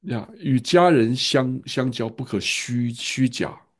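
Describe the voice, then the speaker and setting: A man's voice: mid-range voice, slow pace. A male pastor earnestly telling a family story and repeating phrases for emphasis in a sermon.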